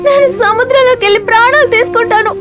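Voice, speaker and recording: A woman's voice: very high voice, expressive, fairly quick. A woman voicing a desperate young village woman who cries and pleads, in a dubbed film drama. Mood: desperate, tearful. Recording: loud film score underneath.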